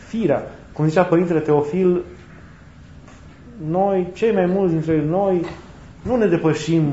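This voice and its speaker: A man preaching a sermon in a reflective way, often repeating and rephrasing his points, with touches of gentle humor. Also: high-pitched, slight background noise. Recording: roomy, slightly dull recording with faint ambience.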